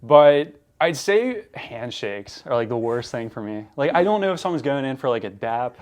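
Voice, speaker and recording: Young male co-host, casual, teasing, quick to laugh. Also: mid-range voice, sing-song, darkish tone. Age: young adult. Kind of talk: casual chat.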